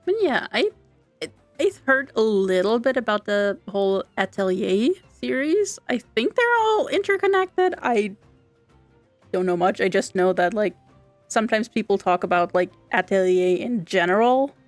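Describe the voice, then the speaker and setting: A young Austrian woman, a native German speaker with an Austrian German accent, chats casually and giggly on a game stream, halting and restarting as she goes. Her voice is medium-pitched with lively intonation, recorded on a dry close mic with no room sound and quiet game music.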